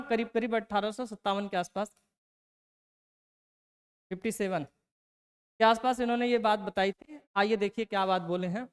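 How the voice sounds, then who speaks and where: A man with a very high, slightly bright, smooth voice gives a folksy Hindi chemistry lecture. He coaches in a drawn-out way, calling students "बालक" and slowing down to dictate key terms word by word.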